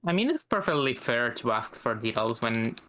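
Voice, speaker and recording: Very low-voiced woman, lively and thoughtful. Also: moderate pace. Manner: thoughtful, hedging. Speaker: artist in a group drawing stream. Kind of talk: casual chat.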